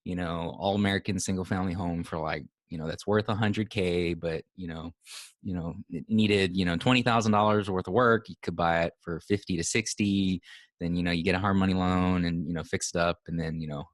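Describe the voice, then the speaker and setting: A young man from Hawaii speaking as a podcast guest, relaxed and laid-back, with a lot of filler words. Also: low-pitched, brisk, dry recording, studio quality. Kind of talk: casual conversation.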